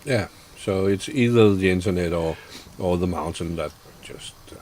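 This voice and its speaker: A man's voice: sits low, normal speed, a little mellow, a little hiss or hum. A man hosting a casual online stream, hesitant and full of fillers. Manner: hesitant, many fillers, chuckling. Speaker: host.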